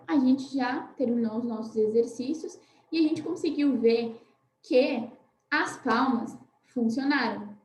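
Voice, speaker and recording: A Brazilian woman teacher giving a recorded class for young children, patiently spelling words out slowly and often checking in with "né?". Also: high-pitched, darkish tone, roomy sound, rough recording. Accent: Brazilian Portuguese. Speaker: primary school teacher.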